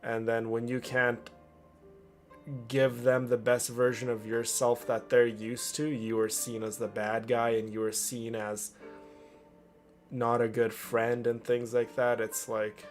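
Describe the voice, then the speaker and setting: A man streams to his community, chatting casually and unscripted about personal things over gameplay, earnest and emphatic, often repeating phrases. His medium-pitched voice is monotone and unhurried. Game music and character voices play in the background.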